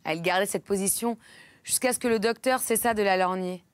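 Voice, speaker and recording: A woman reads a classic novel aloud at a measured, steady pace. Her voice sits in an ordinary middle register. The recording is dry and close. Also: medium pitch, clear, resonant tone, no echo. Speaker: audiobook reader. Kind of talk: literary audiobook narration.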